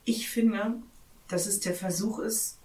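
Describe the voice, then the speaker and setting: A woman's voice: mid-range voice, fairly even intonation, takes it slowly, warm tone. A woman in her forties from East Berlin, speaking thoughtfully and with enthusiasm as a roundtable guest. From East Berlin, Germany. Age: 40s. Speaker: discussion guest. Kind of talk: casual roundtable talk. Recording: roomy, distant, faint noise.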